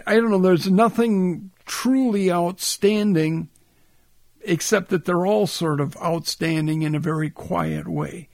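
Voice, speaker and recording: A man's voice: fairly high pitch, gravelly, a little mellow, no echo. A man hosting a radio show, talking between records in an easygoing, conversational way into a close studio mic. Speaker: radio host.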